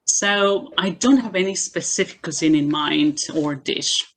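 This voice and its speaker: Over a video call, a woman from Greece, an assistant professor, takes questions in a relaxed interview, her voice low, deep, and a bit bright. She's measured, frequently stopping and hesitating as she thinks. The audio is poor, with a little hiss or hum.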